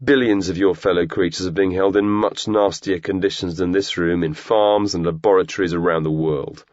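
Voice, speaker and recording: A man's voice: low voice, fairly even intonation, moderate pace, a little mellow, no room sound, dull audio, natural voice. A man voicing a pompous, sarcastic young male activist hosting a webcast, talking in a theatrical way. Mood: mocking.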